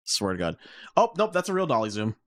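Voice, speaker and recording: This co-host's voice is lowish and fairly bright, with huge pitch swings and a fairly quick delivery. In casual podcast chat he rants with exasperation, rambling and using many fillers, heard through his mic on an online call.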